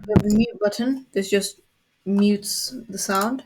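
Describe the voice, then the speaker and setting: A woman as a coding tutor, explaining a software tool step by step in a screen-recorded tutorial. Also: mid-range voice, steady tone, unhurried, very noisy.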